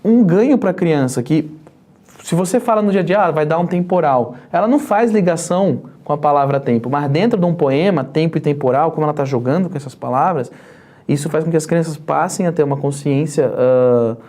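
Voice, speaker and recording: A podcast host with a mellow, darker tone speaks in a halting way, full of fillers and restarts. The host leads the guest along with careful questions. The pitch sits in the middle range. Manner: hesitant, many fillers and restarts, asks guided questions. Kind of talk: conversational podcast interview.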